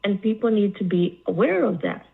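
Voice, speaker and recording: A woman from Zambia calling in to a talk show, speaking earnestly with many pauses and fillers. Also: medium pitch, expressive, vocal fry, breathy edge. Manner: slow, earnest, halting with fillers. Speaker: caller. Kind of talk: call-in talk. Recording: phone line.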